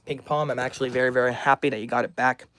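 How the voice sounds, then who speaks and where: A man's voice: medium pitch, little pitch movement, racing, a bit bright, no echo. A twenty-year-old man live streaming, reading out chat names and answering each message in a friendly, upbeat way. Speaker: livestreamer.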